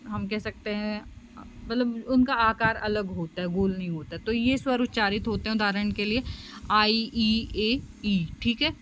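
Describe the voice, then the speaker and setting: A woman's voice: medium pitch, moderate pace, a little hiss or hum, poor audio. A woman teaching a special education lecture and explaining slides, with lots of fillers and "okay?" checks. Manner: explanatory, frequent fillers and "theek hai" checks. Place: home.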